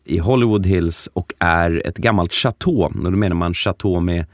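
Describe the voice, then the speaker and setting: A man co-hosting a podcast, telling stories in a halting, relaxed way. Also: deep voice, no room sound, studio quality. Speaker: podcast co-host. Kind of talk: casual chat.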